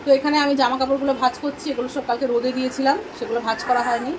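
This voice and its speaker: A woman vlogging casually from her home, chatting to viewers and scolding her daughter, her throat a little hoarse. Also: high-pitched, steady tone, rapid-fire, noisy background. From Bengal. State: throat slightly hoarse lately. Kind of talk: casual home vlog chat. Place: home kitchen and bedroom.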